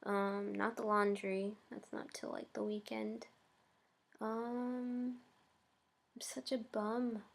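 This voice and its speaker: A woman's voice: on the high side, flat delivery, takes it slowly, vocal fry. A young woman chatting casually in her first vlog, hesitant and full of ums and likes. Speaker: vlogger.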